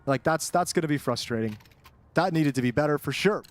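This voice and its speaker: Fairly high-pitched man, esports co-caster. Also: expressive, brisk, dry recording. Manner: conversational, opinionated. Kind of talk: live esports commentary, conversational tactical analysis and banter.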